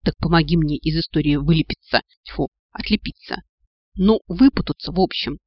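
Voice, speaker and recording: A man's voice: on the high side, normal speed, no echo, muffled recording. A man voicing a cheeky young witch. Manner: cheeky, sarcastic, indignant. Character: sassy young witch heroine, female, quick-tongued.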